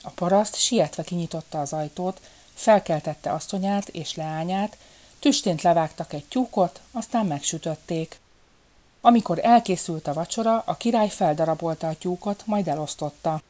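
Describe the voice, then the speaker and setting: A woman narrating a folk fairy tale in a calm, measured storytelling manner. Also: fairly low pitch.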